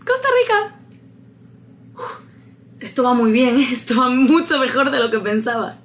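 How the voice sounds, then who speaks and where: A woman's voice: a little high, steady tone, moderate pace. A woman vlogger thinking aloud as she takes a quiz, hesitant and musing, laughing at her own luck.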